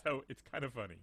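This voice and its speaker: A man hosting a casual video-call chat, animated and jokey, slipping into mock voices. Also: mid-range voice, breathy edge. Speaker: podcast host.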